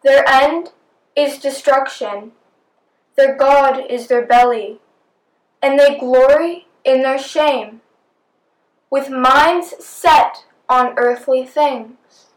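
A woman reading scripture aloud in church, slow and measured. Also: sits high. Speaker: scripture reader. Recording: echoey, distant from the mic.

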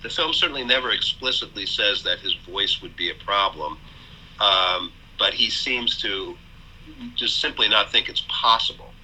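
Man, low voice, very bright tone, measured, hesitant, interview guest, faint hiss behind. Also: expressive, rough recording. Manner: measured, hesitant, many fillers. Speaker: author and college president, guest. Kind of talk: thoughtful interview talk.

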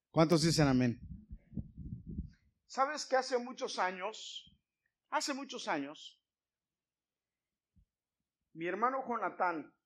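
A man from Mexico with a Mexican Spanish accent, preaching a sermon in a church, telling stories and asking his congregation questions. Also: fairly high pitch. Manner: storytelling, asks the congregation questions.

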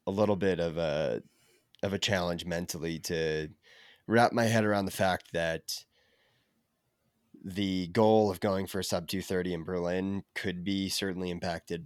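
A hoarse young man from the United States, sick with covid, talking earnestly and reflectively as a podcast guest. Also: low voice, no room sound, clean studio sound. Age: young adult. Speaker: podcast guest, endurance runner. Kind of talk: casual interview chat.

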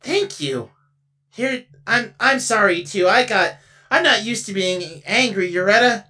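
A woman's voice: mid-range voice, expressive, a little slow, sharp tone, recorded from a distance. A woman playing a cheerful, childlike spaceship being who loves all living things, talking earnestly and stammering when flustered. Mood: apologetic. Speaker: improv comedy performer. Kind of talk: improvised comedy podcast.

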